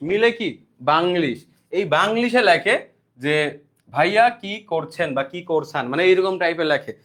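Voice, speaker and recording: A young man teaching an online exam-prep lesson. He explains step by step, asking quick rhetorical questions and answering them himself. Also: high-pitched, a bit bright. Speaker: admission-prep tutor.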